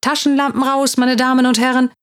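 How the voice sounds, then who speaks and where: A woman reading a children's story aloud and voicing a brisk teacher who gives instructions to her class. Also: high-pitched, level tone, pitched above the performer's own voice, natural voice. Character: brisk female schoolteacher leading a class.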